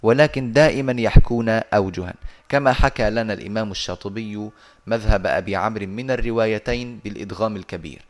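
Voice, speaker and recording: Guy with a lowish voice patiently going through recitation rules on a video call, repeats stuff, reads verses slow. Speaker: Quran recitation teacher. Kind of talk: explaining a recitation poem.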